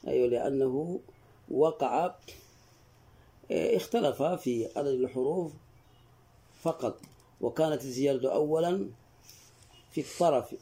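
A man leads a traditional text lesson. His voice is mellow and dark at a middle pitch. He speaks slowly and deliberately, repeating key words so students can follow. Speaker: teacher of Arabic rhetoric.

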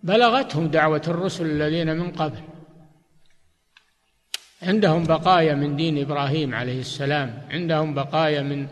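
A man's voice: a little high, a little fast. An older man answering religious questions as a scholar, in firm, curt replies that suddenly stress single words. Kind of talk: fatwa Q&A session. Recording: reverberant hall recording.

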